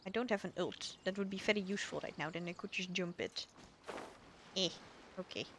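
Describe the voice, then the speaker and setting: A woman with a lowish voice talks fairly quickly against a noisy background and game music. She streams a playthrough, reading dialogue aloud and chatting in a giggly, rambling, self-deprecating manner.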